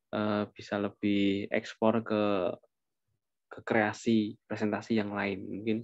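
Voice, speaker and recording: A young man answering questions in a webinar, speaking in a relaxed, informal way with plenty of fillers and asides. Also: on the low side, dry recording, lo-fi sound. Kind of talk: casual Q&A mentoring.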